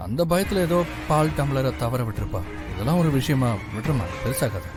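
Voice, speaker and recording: Actor doing a brisk, reassuring son with a lively delivery, TV serial, with a music bed. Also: male voice, medium pitch, close to an everyday voice. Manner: soothing, dismissive of worries. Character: calm reassuring grown son.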